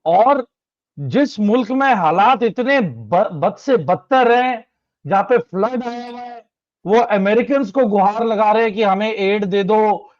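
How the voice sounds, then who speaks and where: A man's voice: sits high, slow, no room sound, dull audio. A man on a political panel who asks questions and addresses the others as sir.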